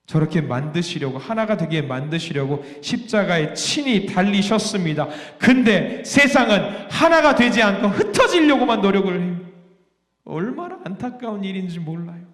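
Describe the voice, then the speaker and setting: A man's voice: high-pitched, lively intonation, moderate pace, fairly bright tone. A male pastor preaching a sermon in a church sanctuary, asking the congregation questions, joking with them and repeating key phrases with rising emphasis. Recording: echoey hall with long reverb.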